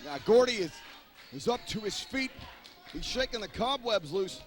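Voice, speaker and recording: A man's voice: high-pitched, animated, normal speed, faint music behind. A man giving live wrestling commentary with emphatic, dramatic phrasing.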